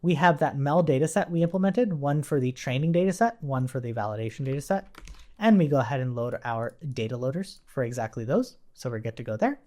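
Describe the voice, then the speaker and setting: A male coding instructor gives an informal technical tutorial walkthrough, explaining things step by step in a conversational way and checking in often as he goes. His mid-range voice is warm and animated, moving a little fast.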